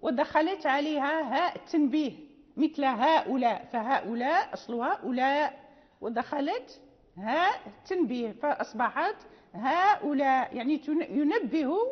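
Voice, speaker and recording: Female recitation teacher, high pitch, explanatory lecture delivery, long hall reverb. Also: expressive, moderate pace. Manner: explanatory, with frequent fillers and restarts. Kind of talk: classroom lecture. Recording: dull lo-fi audio with long reverb.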